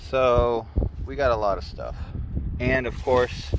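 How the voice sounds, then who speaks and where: Out shopping at a store, a parking lot and a supermarket, an American man who owns a retro game store talks to camera in casual vlog style. He speaks slowly in a medium pitch over a noisy background, keeping things relaxed with crude, boastful jokes.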